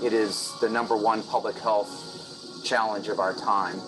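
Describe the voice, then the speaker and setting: A man giving an explanatory documentary interview in a measured, emphatic manner. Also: fairly low pitch, flat delivery, rough recording. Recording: music bed behind voice.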